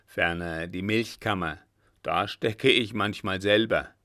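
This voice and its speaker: A man voicing a naive, proud male coachman who answers loudly and earnestly with slow emphasis. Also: deep voice, full character voice.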